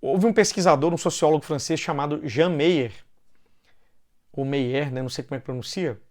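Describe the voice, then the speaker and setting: A man with a Brazilian Portuguese accent, giving an informal explanatory talk and often ending phrases with a questioning "né". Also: on the high side. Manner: loosely paced with pauses and restarts.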